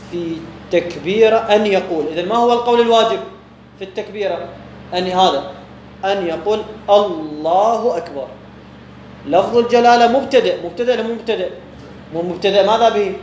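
High-voiced Iraqi teacher in an echoey room. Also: male voice, darkish tone. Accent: Iraqi Arabic. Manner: asks questions and answers them himself, drawn-out examples. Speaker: religious teacher. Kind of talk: explaining a jurisprudence text to students. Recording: echoey room with faint background hum.

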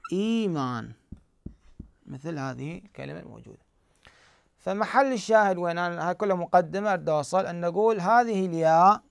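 A man with an Iraqi Arabic accent explains recitation rules in a patient teaching voice, slightly high-pitched and very clear. He keeps asking the class a question and then answering it himself, repeating key words slowly. The recording is dry and close, with no room sound. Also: dry recording. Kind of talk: explanatory grammar lesson.

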